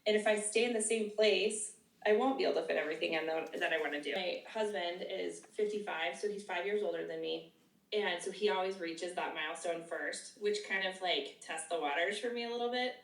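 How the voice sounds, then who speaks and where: A woman's voice: fairly low pitch, fairly quick, gravelly, recorded from a distance. A woman around fifty, a podcast co-host telling stories in casual chat and laughing often. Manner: chatty storyteller, laughs often. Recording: echoey room, off-mic.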